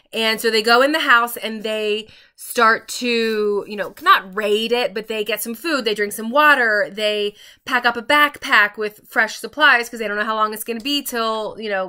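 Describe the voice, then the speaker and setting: A woman's voice: fairly high pitch, moderate pace, sharp tone. A woman recapping a story in a casual, chatty, rambling way, like a vlogger talking while getting ready. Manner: informal, rambling, backtracking. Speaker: book reviewer vlogger.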